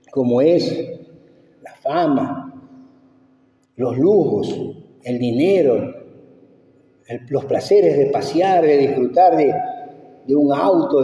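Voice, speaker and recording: A man delivers a sermon with an emphatic, repetitive manner and keeps checking in with rhetorical questions. His voice sits fairly high yet sounds deeply mellow. He is heard from a distance in a long-reverb hall. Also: highs cut off. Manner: emphatic, repeats phrases, asks rhetorical "¿no?". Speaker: preacher. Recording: echoey church hall, from far off.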